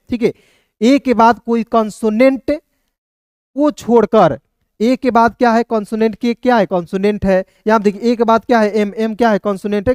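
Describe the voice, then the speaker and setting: A man's voice: high-pitched, a little mellow, clean tone, no echo, clean studio sound. A man teaching a casual spoken lesson, constantly calling listeners friends, asking and answering his own questions, and checking often that they understood. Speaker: English teacher.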